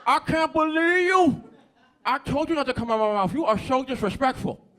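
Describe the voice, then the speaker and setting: A man voicing an angry, indignant woman who scolds in a high, shrill voice. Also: animated, fairly quick, bright, forceful tone, heavily acted. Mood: outraged. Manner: outraged, scolding.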